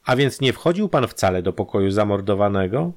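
Detective, male, composed and relentless, measured questioning, read by a male narrator. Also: lowish voice, expressive. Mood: probing. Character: calm, dry, persistent male police detective.

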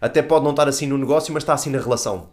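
Talking very fast in a medium-pitched, darkish voice, a man with a European Portuguese accent lays out his views earnestly yet casually as a podcast guest, peppering them with slangy check-in tags.

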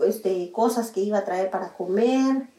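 A woman with a Guatemalan accent gives a personal testimony in an animated retelling, acting out the people she quotes. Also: mid-range voice, unhurried, echoey room. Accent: Guatemalan Spanish. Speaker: interviewee.

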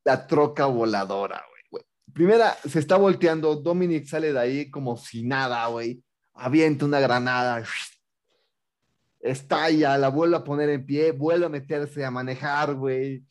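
Speaking in a mid-range voice at a moderate pace, this Mexican-accented co-host of a movie review show keeps the chat casual and humorous, full of slang and disbelieving rants.

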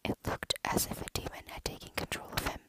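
A storyteller reading a dark horror story aloud in a steady, hushed whisper. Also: quick pace.

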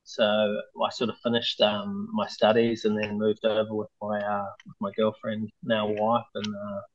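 A man's voice: on the low side, monotone, a little slow, muffled recording. A man in his thirties with a broad New Zealand accent, chatting casually as an interview guest in a laid-back, hesitant, informal way. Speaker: interview guest, mural artist.

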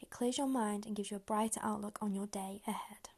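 Woman, meditation guide, whispers throughout, mellow and breathy, close-miked and unhurried. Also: mid-range voice, steady tone. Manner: slow, soft, unhurried instructions.

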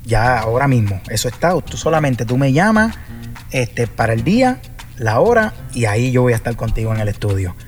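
Chatting casually as an interview guest, this salsa singer from Puerto Rico has a medium-pitched, sing-song voice and talks fairly quickly with a Puerto Rican Spanish accent. His rambling stories are packed with fillers and restarts, and light music plays underneath.

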